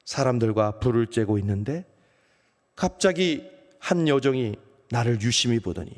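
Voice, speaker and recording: Pastor doing an ashamed apostle Peter confessing, lively rise and fall, big reverb of a church hall. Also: male voice, moderate pace, close to an everyday voice. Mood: remorseful. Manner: emotional, swings from loud outbursts to hushed low phrases. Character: apostle Peter, remorseful grown man, ashamed. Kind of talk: first-person dramatic monologue in a dawn service. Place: church sanctuary.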